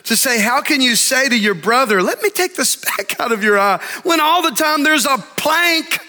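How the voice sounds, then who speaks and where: A pastor preaching in a big sanctuary, his voice very high and bright, ringing out with a long hall reverb. He preaches in an animated way, slowing down for emphasis and acting out the voices in his stories. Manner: animated preaching, dramatic pauses, acts out story voices. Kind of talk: sermon.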